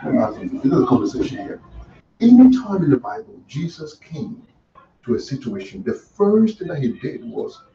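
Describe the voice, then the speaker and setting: Animated man teaching a church class. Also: on the high side, moderate pace, gravelly. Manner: animated, asks "You understand?" often. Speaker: ministry trainer. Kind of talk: conversational teaching sermon. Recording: echoey room, far mic, dull, crowd. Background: listeners murmuring agreement.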